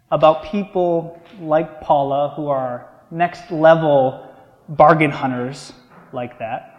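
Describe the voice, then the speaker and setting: A male pastor delivers a sermon, easing from casual storytelling into slow, weighty emphasis on key words. His voice sits a bit on the high side. The sound rings with the long reverb of a large church sanctuary. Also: highs cut off. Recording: echoey church hall.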